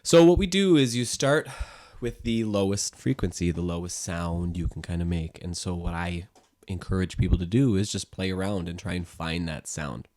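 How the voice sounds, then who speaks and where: A man with a very low, deep voice leads a guided sound-healing lesson. He talks gently and calmly, explaining as he goes with plenty of soft fillers. The sound is close and dry, with no room echo. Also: moderate pace. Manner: calm, gentle explaining with frequent "you know" and "um". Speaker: music teacher and sound therapist.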